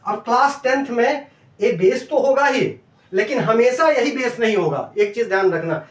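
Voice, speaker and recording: A man's voice: very high-pitched, expressive, moderate pace. Man, math teacher, coaxing, checks understanding, roomy echo, off-mic. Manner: coaxing, addresses students as dear children. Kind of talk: classroom-style lesson video. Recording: echoey room, distant from mic.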